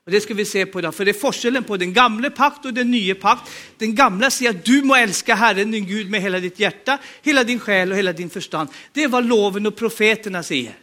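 A man's voice: sits high, sharp tone. A man with a Norwegian accent preaching a sermon, emphatic and urging the congregation to respond.

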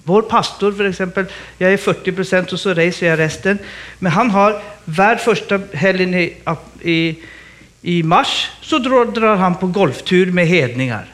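A man preaching as a guest in a lively sermon, animated and exclaiming, laughing often. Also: sits high.

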